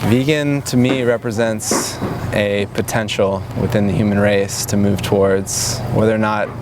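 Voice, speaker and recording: A low, flat-toned man in his twenties muses in a slow, halting interview, pausing and restarting often. He sounds reflective and unhurried. Traffic and outdoor noise come through clearly behind him. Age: 20s. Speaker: retreat organizer. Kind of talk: personal interview monologue. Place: outdoors at a large gathering.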